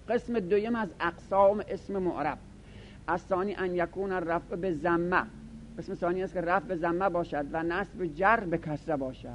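High-voiced man teaching grammar, lo-fi. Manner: reads Arabic passages then explains them conversationally; shifts between fast asides and slow, drawn-out recitation. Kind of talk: classroom lecture reading and explaining a text. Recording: dull lo-fi recording with faint rumble.

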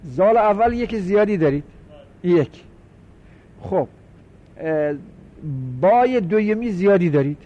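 A man teaching a class on Arabic word patterns, explaining step by step, repeating terms and asking students quick questions. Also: sits high, expressive. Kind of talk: classroom lecture, explaining and counting forms. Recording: muffled lo-fi recording.

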